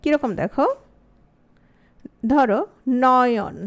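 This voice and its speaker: A woman with a Bangladeshi Bengali accent teaching an online grammar class. She asks the students many questions and repeats example words slowly. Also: high voice.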